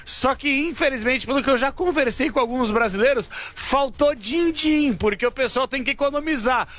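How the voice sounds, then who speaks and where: Bright-voiced jokey man reporting live. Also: extremely high pitch, moderate pace. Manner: lively, jokey, chatty. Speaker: radio reporter. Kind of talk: live radio street report. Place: outdoors in a busy city square.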